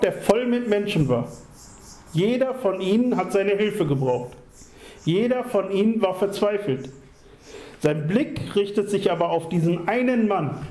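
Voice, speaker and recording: Earnest, fairly high-voiced male preacher. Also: darkish tone, slight background noise. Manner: earnest, measured, repeats key phrases for emphasis. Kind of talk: sermon. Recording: echoey room.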